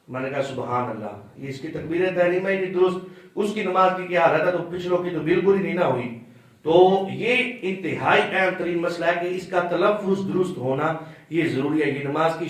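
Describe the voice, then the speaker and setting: A man with a slightly high voice teaches a class from a distance, his words ringing around a very echoey hall. He explains step by step and pauses to quiz the students. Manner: explanatory, quizzes the class, chants drawn-out demonstrations. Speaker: religious teacher. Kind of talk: classroom instruction on prayer. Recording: very echoey room, distant mic.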